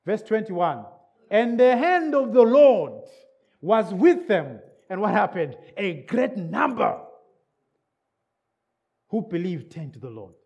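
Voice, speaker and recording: Preaching at a church service in England, this man has a somewhat mellow voice that sits high. English isn't his first language, and he repeats key words while checking in with his listeners.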